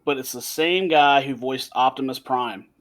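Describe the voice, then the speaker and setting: A man's voice: mid-range voice, moderate pace, a bit bright. A man co-hosting a podcast, chatting casually and animatedly over a remote call, laughing often and restarting his sentences. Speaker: podcast co-host.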